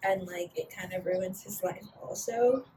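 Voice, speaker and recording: A woman's voice: fairly low pitch, measured pace, warm tone, far from the mic, a little hiss or hum, low-quality recording. A young woman co-hosting a podcast, chatting casually and bluntly with lots of fillers. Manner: blunt, opinionated, many fillers. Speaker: podcast co-host. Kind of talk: casual chat.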